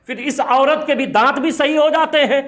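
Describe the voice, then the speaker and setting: A male preacher with a very high, sharply bright voice delivers an impassioned sermon, driving points home through repetition. His voice rings out in a roomy, echoing hall. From India. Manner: impassioned storytelling with emphatic repetition. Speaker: Islamic preacher.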